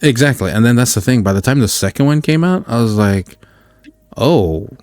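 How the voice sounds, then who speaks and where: A man's voice: medium pitch, lively intonation, quick pace, a little mellow, no echo. A man co-hosting a podcast, chatting casually about video games in a rambling way with many fillers and restarts. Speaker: podcast co-host.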